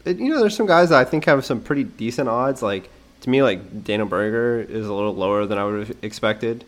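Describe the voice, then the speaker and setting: A man's voice: medium pitch, lively intonation, fairly quick. A man co-hosting a casual sports betting podcast, speaking hesitantly with many fillers. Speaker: podcast co-host.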